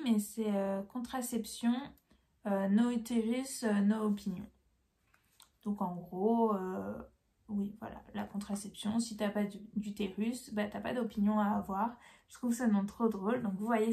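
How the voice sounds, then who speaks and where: In a casual haul video, a young knitting vlogger chats enthusiastically about her yarn and knitting purchases, using many fillers. Her voice is fairly high, creaky, and darkish in tone.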